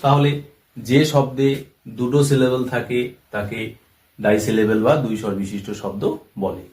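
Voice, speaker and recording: An English teacher explains a language lesson step by step in classroom style, repeating each term and example. His mid-range, slightly mellow voice moves at a moderate pace and sounds far off the mic, with roomy echo.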